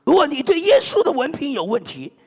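A middle-aged pastor from China preaches a sermon in an animated, joking style, often dropping in "amen" and "hallelujah." His voice is extremely high-pitched and a little fast. The recording has a long reverb tail.

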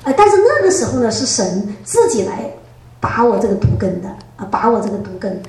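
A woman giving a spoken church testimony, telling her story in a lively way, often laughing and stretching out her sentence particles. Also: a little high, brisk. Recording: very echoey room, distant mic.

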